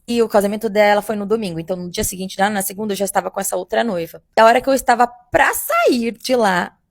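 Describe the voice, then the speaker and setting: Gravelly-voiced woman telling a story. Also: mid-range voice, no room sound, studio quality. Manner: animated, addresses listeners as "gente". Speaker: bridal makeup artist. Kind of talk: casual first-person storytelling.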